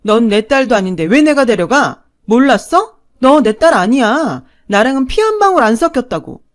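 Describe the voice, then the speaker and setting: A cold, harsh stepmother in a radio story who yells her words out curtly and loudly, as a woman narrator puts her on. The voice rises high and sharp whenever she scolds. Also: big pitch swings, moderate pace, natural voice. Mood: cold, shouting. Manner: shouting, scolding, curt.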